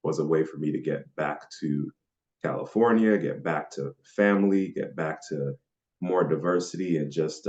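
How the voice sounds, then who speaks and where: A man from Nigeria with a remarkably low, deep voice talks easily through an interview. He rambles a little and is full of fillers. The recording sounds dull and lo-fi. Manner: relaxed and chatty, with frequent fillers and laughs. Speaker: podcast guest. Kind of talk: casual interview answers.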